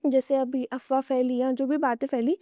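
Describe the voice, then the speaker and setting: Her delivery is flat and mellow, her voice high, and her pace moderate as this young podcast guest casually recounts horror stories. She draws listeners into hypothetical scenarios, captured in clean studio sound without echo.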